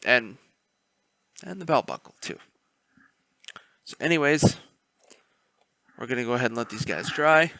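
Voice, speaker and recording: Relaxed man talking through a painting tutorial. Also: mid-range voice, a little slow, long pauses, no room sound. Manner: relaxed, rambling, many fillers and restarts. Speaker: miniature painting hobbyist host. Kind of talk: casual painting tutorial narration.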